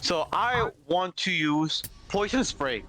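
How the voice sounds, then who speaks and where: A man's voice: high voice, lively intonation, slow, sharp tone, slight background noise. A man playing a tabletop game who hesitates and fumbles through the rules. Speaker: player. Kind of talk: casual tabletop play.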